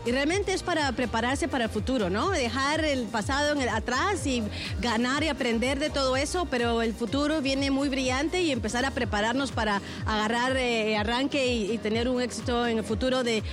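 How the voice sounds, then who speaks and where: A woman's voice: high voice, normal speed, music in the background. A middle-aged woman from Guatemala, a conference speaker answering questions in a news interview, with fillers and restarted words.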